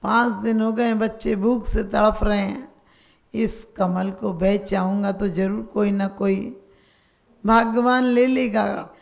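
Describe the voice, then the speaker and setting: A woman's voice: medium pitch, level tone, takes it slowly, gravelly. A woman, a Jain nun, giving a sermon full of rhetorical questions and closing blessings.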